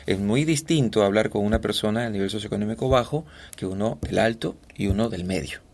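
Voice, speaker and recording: A man from Ecuador, a voice-over artist, telling stories in a relaxed interview with lots of fillers and restarts. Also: on the low side, brisk. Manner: animated storyteller, many fillers and restarts. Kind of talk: casual interview chat.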